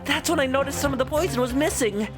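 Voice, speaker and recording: Woman voicing an anxious, high-voiced young student. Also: fast, close to an everyday voice. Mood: confessing. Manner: hesitant, pleading. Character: anxious, guilt-ridden young female research student. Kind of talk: dramatic reading of video game dialogue. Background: game music.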